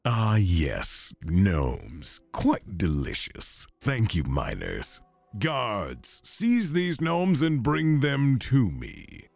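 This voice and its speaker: A man voicing a gruff, greedy king who speaks slowly and commandingly, with a breathy voice. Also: lowish voice, wildly swooping pitch, a little mellow, no echo, faint music behind, exaggerated voice. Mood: menacing. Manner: slow, drawn-out and commanding.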